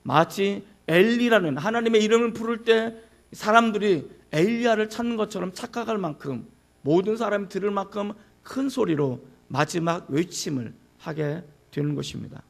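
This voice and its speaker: A man's voice: sits high, moderate pace, creaky. A male pastor preaching a sermon, who asks the congregation questions and acts out anguished cries.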